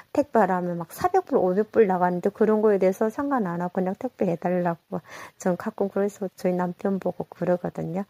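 North Korean woman, halting and colloquial. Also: medium pitch, dark tone, no echo. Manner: halting, unpolished, colloquial telling. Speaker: interviewee telling her own story. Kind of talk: casual personal interview.

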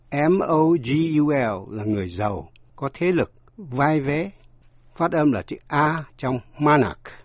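Slow, husky male English teacher. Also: medium pitch, a little mellow, no room sound. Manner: slow, deliberate, spells out words letter by letter. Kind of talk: scripted pronunciation lesson.

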